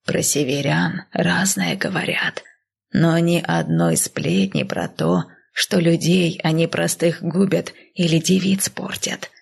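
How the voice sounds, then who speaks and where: A woman reading an audiobook, voicing an elderly nanny who talks slowly in hushed, half-whispered sighs. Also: low voice, animated, gravelly, breathy edge, heavily acted. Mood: worried. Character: elderly nanny, frail, weary and tender. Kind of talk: audiobook character voice.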